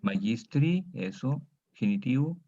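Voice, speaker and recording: A man's voice: mid-range voice, lively intonation, slow, warm tone. A man teaching a Latin grammar lesson, patiently drilling students through declensions and checking in with them often. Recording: dull lo-fi recording.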